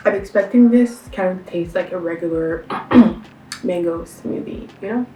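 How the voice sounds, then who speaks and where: A woman's voice: fairly low pitch, a little slow, mellow, a little hiss or hum. Chatty young woman vlogging, roomy sound. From Canada. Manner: chatty and enthusiastic, with many fillers and slang. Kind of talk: casual food-tasting vlog. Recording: roomy sound, a bit far from the mic.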